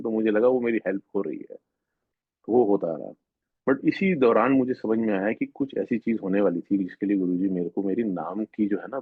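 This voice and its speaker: A man's voice: fairly low pitch, breathy edge, no room sound. A man earnestly telling a rambling personal story of a spiritual experience at a devotional gathering, often restarting his sentences. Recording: tinny phone-like sound, dry.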